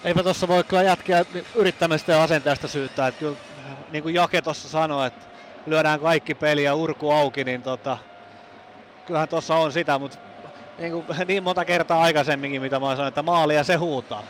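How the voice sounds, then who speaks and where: A man's voice: a little high, steady tone, slight background noise, low-quality recording. Chatty male hockey expert commentator. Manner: chatty, colloquial, with fillers. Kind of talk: casual color commentary.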